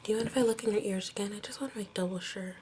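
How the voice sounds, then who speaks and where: Woman whispering soft + gentle like an asmr doctor, right up on the mic, hissy noisy recording w/ clicks. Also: mid-range voice, racing. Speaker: ASMR creator playing a doctor. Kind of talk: ASMR medical exam roleplay. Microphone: close microphone.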